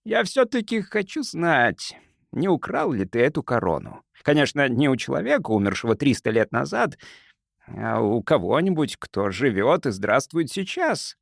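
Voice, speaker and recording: A man voicing a genial, crafty doctor who bargains in a soft, sugary, unhurried voice for an audiobook. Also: mid-range voice, big pitch swings, vocal fry, dry recording, studio quality. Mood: gentle, earnest.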